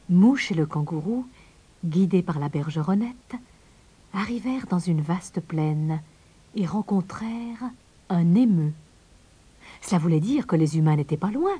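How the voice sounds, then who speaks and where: A woman reading a children's story aloud in an expressive way. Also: mid-range voice, breathy edge. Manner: expressive, shifting voices.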